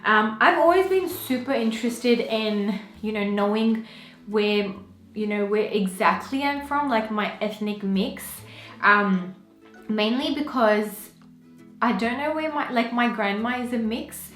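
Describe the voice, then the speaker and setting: In an echoey room with faint music behind her, a young Pakistani woman vlogs chattily, leaning on fillers such as "um" and "you know." Her voice sits on the high side, fairly bright, at a measured pace.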